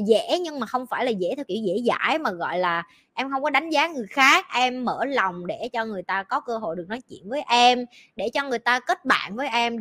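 High-voiced Southern Vietnamese woman coach. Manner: animated storyteller who acts out quotes and jokes with mock swearing. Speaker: life coach. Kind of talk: casual advice podcast.

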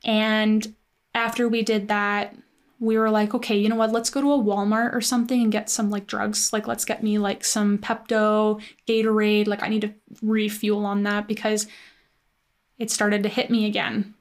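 A young woman casually telling a story, chatty and full of "like" fillers, animated in her retelling. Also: medium pitch, normal speed.

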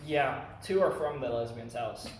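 A man's voice: medium pitch, moderate pace. A young man in casual podcast banter, joking and playful. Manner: joking, playful, laughs often. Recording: echoey room, distant mic, noisy.

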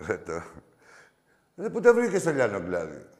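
A man's voice: lowish voice, wildly swooping pitch, echoey room. A man hosting a call-in show, taking callers one after another and mocking them with crude, brash banter and frequent laughter. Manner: loud teasing with frequent laughs. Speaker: radio call-in show host.

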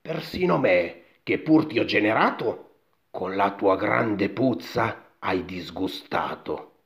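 A man's voice: on the low side, lively intonation, slow. A man doing a nagging old mother. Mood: scolding. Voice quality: sharp, nagging. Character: bossy, scolding old mother. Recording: dull lo-fi recording.

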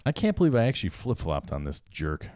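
A man with a very low voice, talking easily on a podcast. He goes along with his co-host, laughs readily and reels off stats, and the sound is dry and close. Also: wildly swooping pitch, fast, mellow, no room sound. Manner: laid-back, agreeable, laughs easily, reads out stats. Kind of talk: casual fantasy football chat.

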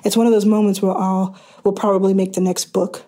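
A woman hosting a podcast, talking excitedly and a little out of breath, often restarting her sentences before she interviews a guest. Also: mid-range voice, fairly quick. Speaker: podcast host. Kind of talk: casual podcast intro and interview.

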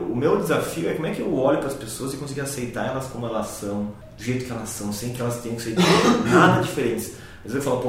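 A man muses quickly and openly, asking questions as he goes and checking that he is followed. The room echoes heavily around him. A faint low rumble sits underneath. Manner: reflective, questioning, checks in with listener. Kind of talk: casual reflective conversation.

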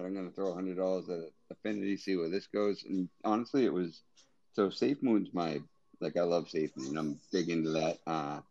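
A man's voice: deep voice, warm tone, dry recording. A man with a Boston accent chatting casually in an online audio room, in a loose, rambling way full of fillers. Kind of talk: casual chat. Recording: dull lo-fi audio.

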